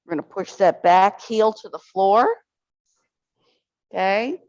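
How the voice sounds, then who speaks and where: A woman's voice: medium pitch, takes it slowly, darkish tone, no room sound, muffled recording. A woman instructor leading an arthritis exercise class, counting reps aloud and encouraging the group.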